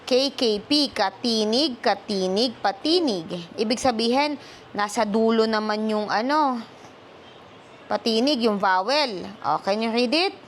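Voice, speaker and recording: A Filipino mother leads a reading lesson at home. She talks in an unhurried, patient way and keeps checking that her child follows, mixing English into her Filipino. A faint background hiss sits beneath her voice. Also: fairly high pitch. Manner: patient, mixes English into Filipino, prompting questions.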